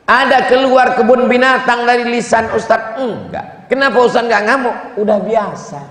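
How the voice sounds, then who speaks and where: A man's voice: very high voice, normal speed, a bit bright. A man preaching a humorous sermon to a live audience, telling jokes and acting out little dialogues. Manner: joking storytelling, acts out dialogues. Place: large hall. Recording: echoey hall with background noise.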